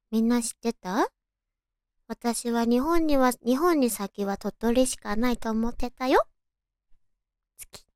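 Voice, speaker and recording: A woman with a naturally high, cute anime-girl voice hosts a solo radio-style show, talking in a girlish, expressive way. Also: smooth, no echo, studio quality. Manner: cutesy, girlish, expressive delivery. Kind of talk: solo radio-style chat, reading trivia with casual reactions.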